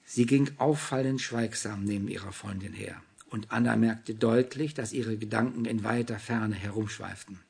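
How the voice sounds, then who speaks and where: A man narrating an audiobook in steady storytelling. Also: on the low side, normal speed, vocal fry, few pauses, breathy edge.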